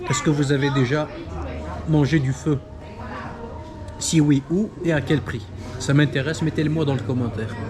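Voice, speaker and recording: A man's voice: on the high side, fairly even intonation, moderate pace, long pauses. A man chatting casually to camera as a food vlogger, talking between bites with savoring murmurs and playful, self-mocking exaggeration at a street food spot. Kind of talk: casual mukbang chat to camera. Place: street food eatery in Vietnam.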